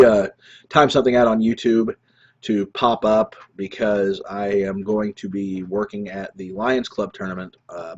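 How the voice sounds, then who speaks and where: A man's voice: lowish voice, darkish tone, husky, lo-fi sound. A man in his thirties, a streaming show host, telling rambling gaming stories in casual chat with chuckles and restarts. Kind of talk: casual gaming story monologue.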